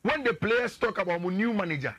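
A man in his thirties with a Ghanaian English accent giving animated football analysis in a radio studio, standing and gesturing at a screen. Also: high voice, fairly quick.

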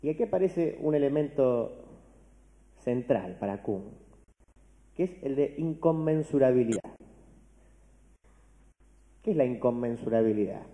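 An Argentine man lectures on philosophy to a large audience, his voice very dark and mellow. He talks in a loose, conversational way, asking "¿no?" after his points and restarting words as he goes. A long reverb from a big hall trails each phrase. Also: medium pitch, expressive, a little slow, pauses often. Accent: Argentine Spanish.

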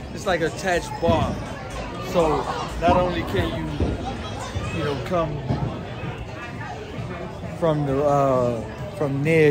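A man in his forties with a Chicago accent, talking casually and slangily to a phone held at arm's length while touring houses and bars. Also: mid-range voice. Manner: laid-back, slangy street talk. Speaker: vlogger. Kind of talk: casual vlog tour. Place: various, car, bar and indoors.

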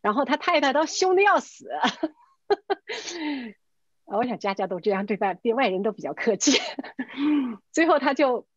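Over a muffled video call with no echo, a middle-aged real estate agent casually tells a story, acting out the dialogue with lively energy and slipping English words into her speech. Her voice is high and slightly rough, and she speaks a little slowly with long pauses.

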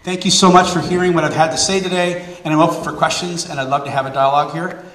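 A middle-aged man giving a public talk and taking audience questions, energetic and fond of repeating words for emphasis. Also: fairly high pitch, fast talker. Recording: roomy hall, mic at a distance.

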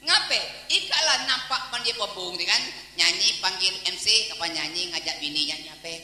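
High, bright-voiced Palembang preacher. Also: male voice, moderate pace. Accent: Palembang Malay. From Palembang, Indonesia. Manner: lively storytelling, mimics dialogue, breaks into song snippets. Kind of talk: humorous sermon with storytelling. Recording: echoey hall with long reverb.

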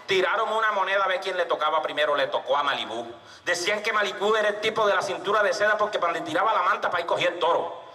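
Male comic storyteller, lively and sharp-toned, echoing live-stage sound from a distance. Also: high-pitched, rapid-fire. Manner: animated, full of sound effects and shouts. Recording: echoey stage mic from far off.

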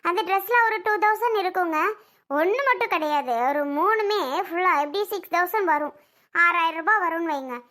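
A woman's voice: very high-pitched, normal speed, pushed and bright. A woman playing a suspicious young wife who accuses her relatives in a family skit. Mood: accusing. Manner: accusing, cutting, argumentative. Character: sharp-tongued young wife, suspicious and scolding. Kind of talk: home video family skit.

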